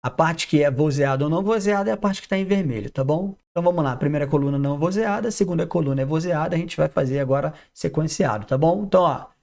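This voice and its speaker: A man's voice: fairly high pitch, vocal fry, darkish tone. A man teaching English pronunciation, reading out word lists one by one with short explanations in between. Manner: slow, drawn-out word drills with explanations. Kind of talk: didactic pronunciation lesson.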